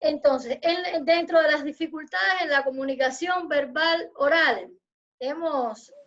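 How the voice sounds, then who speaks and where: High-voiced woman giving an online lecture. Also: a bit bright, lo-fi sound. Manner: measured, explanatory, addresses students formally. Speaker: university lecturer. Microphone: video call.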